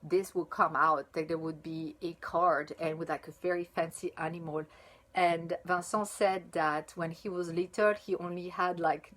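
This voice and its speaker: A woman's voice: lowish voice, normal speed. Chatty French woman reviewing chocolate. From France. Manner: chatty, thinks aloud with many fillers; bursts into excited exclamations. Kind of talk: casual video review.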